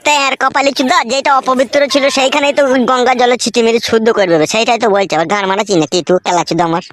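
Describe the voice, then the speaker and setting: A woman's voice: fairly high pitch, fairly even intonation, rapid-fire, slight background noise, close to an everyday voice. A woman voicing a crude, mocking young male friend in a comedy cartoon. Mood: teasing. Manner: crude, needling.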